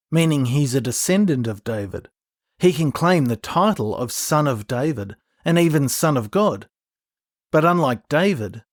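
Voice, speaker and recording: A man's voice: medium pitch, no echo, studio quality. A man, a podcast host, teaching from the Bible in an earnest, explanatory scripted narration, reading passages aloud.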